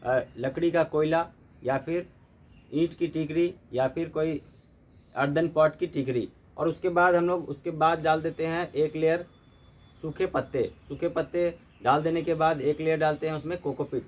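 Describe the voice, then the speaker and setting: A man giving a steady, step-by-step gardening demonstration, often mixing English terms into his explanations. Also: a little high, moderate pace. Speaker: gardening instructor.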